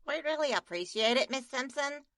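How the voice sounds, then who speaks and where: A woman's voice: sits high, animated, normal speed, a bit bright, dry recording, clean studio sound. A woman voicing a meek, weary henchman hauling gold bars. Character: timid weary minion.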